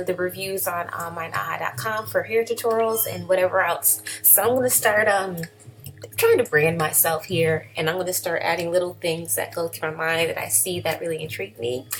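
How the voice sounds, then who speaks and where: Chatty, enthusiastic woman with a lowish voice. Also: a bit bright, rough recording. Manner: enthusiastic, chatty, rambling with fillers. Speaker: vlogger. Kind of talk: casual vlog commentary.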